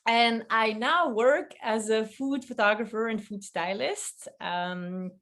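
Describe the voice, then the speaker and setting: A woman's voice: a little high, takes it slowly, a bit bright. Chatty Belgian woman from a video call. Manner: chatty, laughs often, many restarts. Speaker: guest, food photographer. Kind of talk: casual interview conversation.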